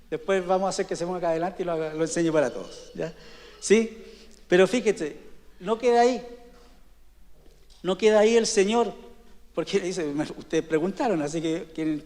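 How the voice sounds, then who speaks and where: A man preaching a sermon in a high voice. He talks in a conversational way, regularly asking his listeners to confirm they are following. The recording carries the long reverb of a church hall. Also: a little mellow. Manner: conversational preaching with frequent "¿sí?" and "¿no es cierto?" checks. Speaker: pastor.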